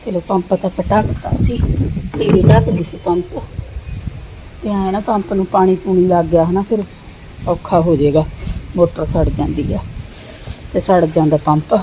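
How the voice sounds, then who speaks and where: A woman's voice: fairly even intonation, normal speed, long pauses. Woman vlogging through heavy noise. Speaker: family vlogger. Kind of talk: casual home vlog chat. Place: outdoors at a village home in a windstorm. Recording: very noisy outdoor wind and vehicle-like rumble.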